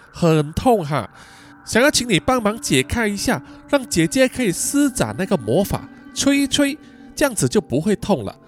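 Man doing a coaxing young woman captive. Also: high-pitched. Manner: soft, pleading, coaxing.

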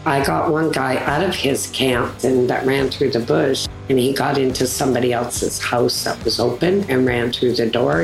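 A woman in her sixties with an extremely low voice speaks bluntly. The recording has a roomy echo, and soft guitar plays behind her. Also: gravelly. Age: 60s. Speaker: interviewee, community member. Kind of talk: interview recounting.

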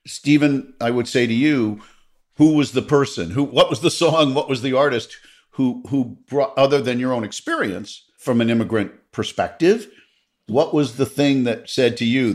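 A man's voice: mid-range voice, darkish tone. A middle-aged man interviewing a guest, asking long expansive questions with emphatic, repeated phrases. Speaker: interviewer host.

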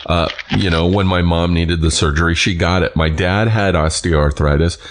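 A man hosting a podcast in casual chat, blunt and quick to swear while telling stories. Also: deep voice, fairly even intonation. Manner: blunt, swears freely, storytelling. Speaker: podcast host.

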